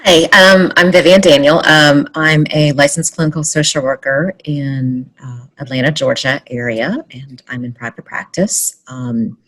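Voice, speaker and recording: A woman's voice: deep voice, fairly even intonation, fairly bright tone, low-quality recording. A woman raised in the United States, a clinical social worker, introducing herself hesitantly on a video call. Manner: hesitant, with pauses.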